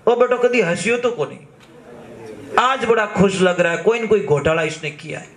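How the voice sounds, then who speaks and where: A playful male god stubbornly insists on his meal in a teasing, high voice, as a preacher puts him on. The room echoes broadly around him. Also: moderate pace, a bit bright. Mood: amused.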